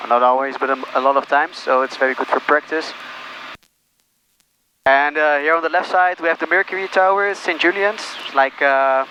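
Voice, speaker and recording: A man's voice: fairly high pitch, steady tone, normal speed, bright, forceful tone, lo-fi sound. A man who is a pilot, giving casual cockpit commentary and radio calls through a headset. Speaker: pilot and vlogger. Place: small aircraft cockpit in flight. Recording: cockpit headset with faint engine noise.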